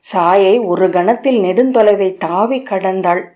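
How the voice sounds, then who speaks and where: A woman narrates a literary novel in a measured, steady reading voice. Her tone is dark and mellow, with a middle pitch for a woman. It is a scripted audiobook narration.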